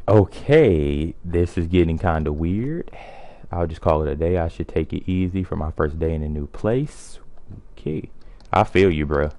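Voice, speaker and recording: Deep-voiced young man joking through a game. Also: animated, normal speed, mellow, slight background noise. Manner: slangy, joking, reads on-screen text aloud. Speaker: let's play gamer. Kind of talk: casual gameplay commentary.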